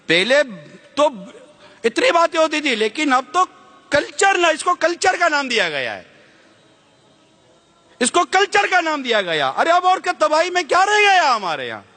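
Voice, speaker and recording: A man's voice: very high-pitched, huge pitch swings, pauses often, pushed and bright, big-room sound. A man preaching with passion to an audience, firing rhetorical questions at them and slipping English words into his speech. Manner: fiery rhetorical questions to the listeners. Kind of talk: impassioned sermon.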